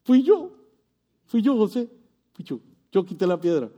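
A man's voice: sits high, very animated, a little slow, dark tone, dull audio, voice pushed up, exaggerated voice. A man preaching in Spanish voices an angel who proudly claims credit and keeps repeating himself.

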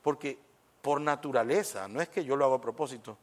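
A man preaching a sermon, lively and conversational, acting out little exchanges and dropping in English phrases. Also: medium pitch, a little fast. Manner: animated, acts out little dialogues, mixes in English phrases.

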